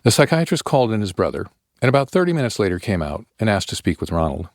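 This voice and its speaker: A man narrating a podcast story in a measured, scripted storyteller's delivery. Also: fairly low pitch, very animated, no room sound, clean studio sound.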